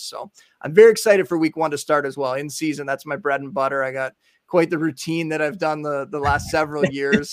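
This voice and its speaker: A man's voice: a little high, no room sound. Upbeat man with a dry close voice. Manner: upbeat, promotional, talks in quick lists. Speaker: guest fantasy football analyst. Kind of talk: casual podcast interview.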